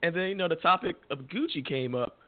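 A man's voice: fairly high pitch, fast talker, no echo. A man co-hosts a podcast in a laid-back, slangy way, a little sick and losing his voice. The sound is dry and narrow, like it came over a phone. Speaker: podcast co-host. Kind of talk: casual chat.

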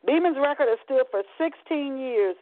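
A woman reading aloud voices an excited male TV sportscaster announcing sports news, in a raised voice. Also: high voice, normal speed, pitched above the performer's own voice. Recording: tinny phone line, dry.

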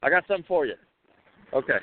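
A man hosting a casual live call-in show while roving outdoors at an event, talking with many fillers and restarts, coughing and clearing his throat now and then. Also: on the high side, animated, quick pace, a little hiss or hum. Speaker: host. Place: outdoors at a railway depot event. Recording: tinny phone line, dry.

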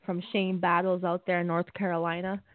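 A woman co-hosts a casual radio show in a light, amused, chatty way. Her voice sits a little low and comes through thin and tinny, with a dry sound. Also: flat delivery, brisk, no room sound. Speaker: radio co-host. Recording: tinny lo-fi line.

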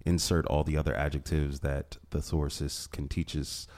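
A man hosting an interview, talking excitedly and rambling with lots of fillers. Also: extremely low pitch, moderate pace. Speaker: podcast host. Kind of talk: casual interview.

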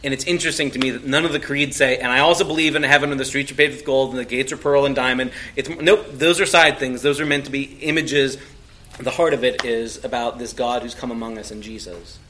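Bright-voiced man talking theology. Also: medium pitch, fairly even intonation, fast, slight background noise. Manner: discursive, rephrases as he goes. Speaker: podcast panelist. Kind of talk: conversational theological discussion.

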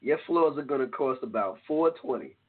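A man co-hosting a casual talk show, animated and profane, often laughing and breaking into shouts. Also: mid-range voice, moderate pace, slightly rough. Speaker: podcast co-host. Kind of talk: casual chat show banter. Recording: tinny phone-like line.

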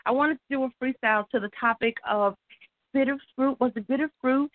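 A woman's voice: high voice, brisk, a little hiss or hum. A woman calling into a radio show over a phone line, cheerful and giggly. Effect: call-in voice over a phone line.

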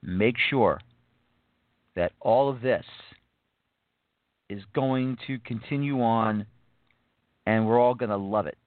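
A man's voice: mid-range voice, slow pace, long pauses, dry recording. A man hosting a casual soccer interview show, rambling and repeating himself with many fillers. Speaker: podcast host. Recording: dry phone-like line.

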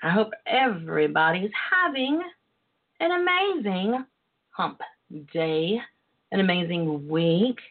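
A woman's voice: medium pitch, big pitch swings, slow. A woman with a Southern US twang hosting a talk show in a casual, sassy, flirtatious way, full of endearments. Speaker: podcast host. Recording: tinny phone-line internet radio sound.

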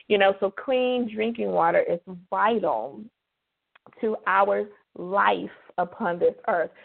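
This is relaxed devotional radio talk from a woman phoning in. Her mid-range voice is a little hoarse, and her chatty delivery lingers on key words. The audio has the sound of a phone line.

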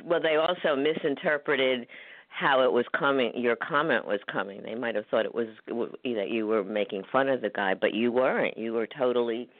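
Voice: mid-range voice, moderate pace, no echo. Encouraging host on a phone line. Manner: encouraging, laughs often, restarts sentences. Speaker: interview host. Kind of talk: casual interview.

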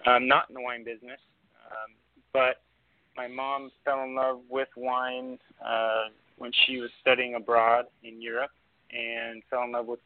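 A man from Argentina, a winemaker guest, telling his story in a relaxed, unhurried way. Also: mid-range voice, no room sound. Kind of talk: casual interview. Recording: phone-line sound.

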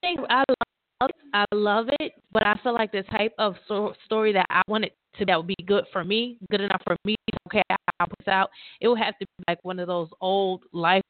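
Talking fairly quickly in a mid-range voice, an author and publisher who heads a writers' group has a casual phone chat with a writer from her laptop and headphones. She rambles, restarts her sentences, and keeps calling her listener "girl." The call sounds tinny and dry, with slight background noise.

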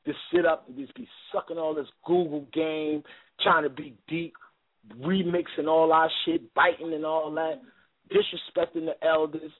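A man's voice: on the high side, moderate pace, husky, dry recording. A man in his thirties, a guest on a radio show, talking boastfully in profane street slang. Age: 30s. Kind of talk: casual radio talk. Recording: phone-line call-in audio.

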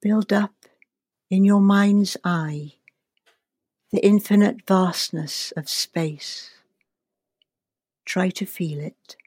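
A woman leading a guided relaxation and visualization in a calm, soothing, deliberate way, leaving long pauses. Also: medium pitch, no echo, clean studio sound. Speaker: guest leading a guided meditation.

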